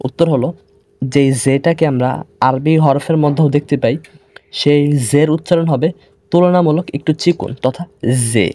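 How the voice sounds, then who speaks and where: Man teaching a slow methodical lesson. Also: on the high side, warm tone, dry recording. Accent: Bangladeshi Bengali. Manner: slow, repeats sounds to demonstrate pronunciation. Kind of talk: online grammar lesson.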